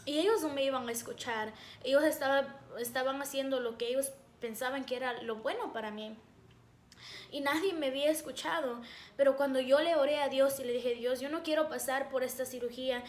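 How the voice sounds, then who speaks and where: A young woman giving a personal faith testimony, earnest and halting, often pausing on fillers. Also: high voice. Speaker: devotional speaker. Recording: echoey room.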